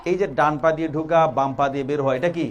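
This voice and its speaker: A man's voice: fairly high pitch, steady tone, racing, highs cut off. A man teaching a religious lesson to young children in a primary school classroom, quizzing and coaxing them and repeating each question in call-and-response. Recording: classroom with a noisy crowd of children. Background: children answering in chorus.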